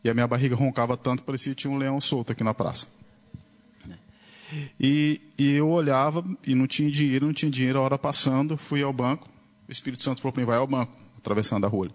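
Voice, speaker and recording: A man with a Brazilian Portuguese accent giving an emotional church testimony, acting out the dialogue with rising pitch. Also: fairly even intonation, quick pace. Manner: storytelling, acts out the dialogue with shifts of pitch.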